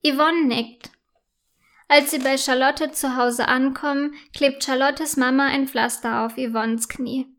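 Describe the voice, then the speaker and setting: A woman narrating a children's story in a slow, clear, gentle storytelling manner. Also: sits high, steady tone.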